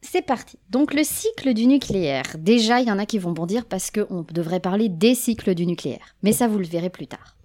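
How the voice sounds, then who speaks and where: Brief: woman, mellow warm voice, witty science talk presenter. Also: mid-range voice, expressive, brisk, few pauses. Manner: playful, jokey asides to the audience. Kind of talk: humorous popular science talk.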